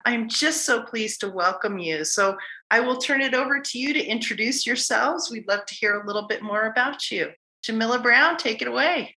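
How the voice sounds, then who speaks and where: A woman's voice: a little high, normal speed, pushed and bright, poor audio. A woman hosting a podcast, introducing her guests in an enthusiastic, emphatic way. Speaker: podcast host.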